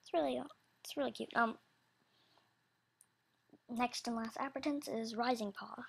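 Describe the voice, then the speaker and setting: Her voice is a little high, gravelly and husky, with fairly even intonation and a somewhat slow pace. As an animator describing characters for auditions, she gives a casual, loosely scripted announcement, apologetic and rambling with hesitation.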